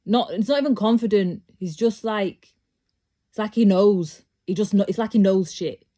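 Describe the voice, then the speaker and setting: A British woman vlogs to camera, her opinion piece rambling and full of restarts until she grows insistent and emphatic. The voice is mellow, medium in pitch, and her pace is moderate.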